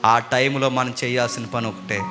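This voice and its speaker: A male preacher giving a sermon, swinging between loud emphatic cries and low hushed lines. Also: little pitch movement, normal speed. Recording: loud background music.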